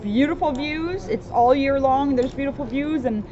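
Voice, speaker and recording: A high-voiced woman reads a children's storybook at a moderate pace, mixing in casual asides. She's recorded outdoors on a town street, where loud street noise comes through in the dull audio.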